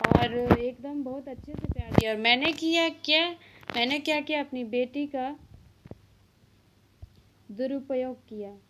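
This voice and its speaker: A woman's voice: sits high, heavy background noise. A woman voicing a remorseful grown woman who pleads for forgiveness and reproaches herself.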